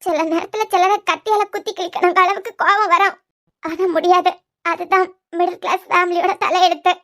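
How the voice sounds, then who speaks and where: A woman voicing Diya, high quick Kanyakumari-accented friend. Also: flat delivery, a bit bright. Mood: earnest. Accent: Kanyakumari Tamil. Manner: earnest, coaxing, quick-talking. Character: caring, frank young woman friend, Diya. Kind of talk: cartoon web series voice acting.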